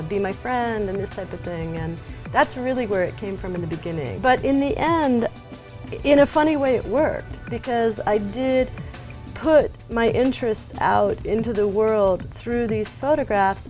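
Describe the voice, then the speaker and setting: A woman in her thirties from Atlanta, an artist talking about her work in a reflective interview, thoughtful and pausing often. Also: medium pitch, darkish tone. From Atlanta, Georgia, US. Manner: thoughtful, pauses with fillers.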